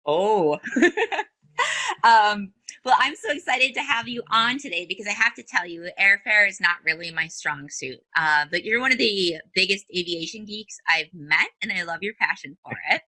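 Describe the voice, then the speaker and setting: A woman's voice: medium pitch, animated, moderate pace, sharp tone, no room sound, low-quality recording. A woman podcast host with a Minnesotan accent, upbeat and chatty, laughing easily as she interviews a guest.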